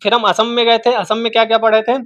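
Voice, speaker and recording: A man's voice: extremely high pitch, little pitch movement, quick pace, a bit bright, no room sound. A man teaching an exam-prep geography lesson, repeating each name several times and quizzing the listener as he goes. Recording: dull, dry, lo-fi home recording.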